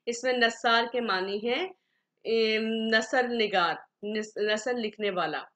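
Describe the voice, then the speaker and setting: A woman's voice: a little high, sharp tone. A woman with a Pakistani Urdu accent teaching a grammar lesson to students, methodically listing example words one by one. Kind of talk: classroom lecture.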